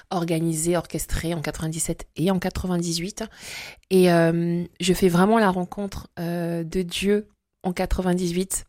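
Low-voiced woman giving hesitant testimony. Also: darkish tone, no room sound, clean studio sound. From Congo-Brazzaville. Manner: hesitant, many pauses and fillers. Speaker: interview guest. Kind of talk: personal faith testimony.

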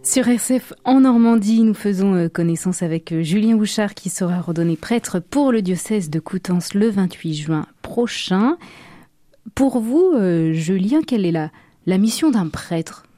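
Woman radio host, mellow tone, dry studio sound, measured questions. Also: mid-range voice, animated, dry recording. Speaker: radio interviewer. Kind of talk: radio interview.

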